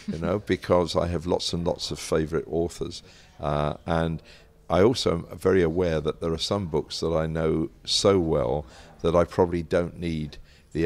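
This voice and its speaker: An older British man with a very deep, gravelly, darkish voice speaks as an interview guest. He tells anecdotes conversationally, frequently pausing to rephrase and drifting into tangents.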